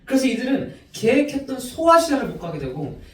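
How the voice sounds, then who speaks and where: Preaching to teenagers in a church worship room, this young youth pastor talks fairly fast in a very high-pitched voice. He's animated and keeps quizzing his listeners, and the echoey recording places him far from the mic.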